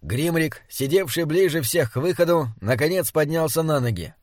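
A man narrating an audiobook in a measured, descriptive way. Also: a little high, expressive, darkish tone, dry recording, studio quality.

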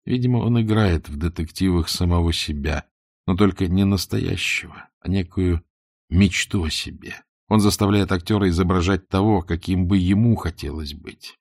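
A man with a very low voice reads a novel aloud, steady and unhurried. The recording is close and dry, with no room sound around him. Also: no room sound. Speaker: audiobook reader. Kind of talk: audiobook narration.

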